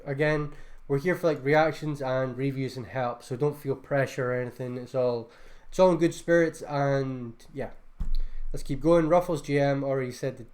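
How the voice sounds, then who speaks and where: Reviewing beats on a relaxed livestream, this producer speaks at medium pitch and normal speed with a darkish tone. He is easygoing yet excited, scattering fillers, with faint beat music in the background.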